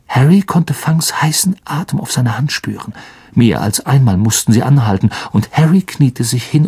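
A man narrating a fantasy audiobook in a hushed, suspenseful storytelling manner. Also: mid-range voice, husky.

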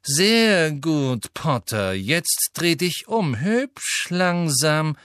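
A man voicing a drawling, sneering teenage rival in an audiobook, slow and mocking. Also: fairly high pitch, very animated, a bit bright, clean tone, no room sound, clean studio sound, voice pushed up, full character voice. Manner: mocking, commanding.

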